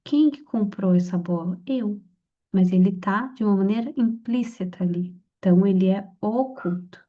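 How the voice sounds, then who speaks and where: A woman explaining grammar for a civil-service exam in a relaxed, chatty lesson, often checking in with her listener. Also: medium pitch, normal speed. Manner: conversational, frequent "tá?" and "então". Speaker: exam prep tutor. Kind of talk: casual spoken lesson. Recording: slightly dull lo-fi audio.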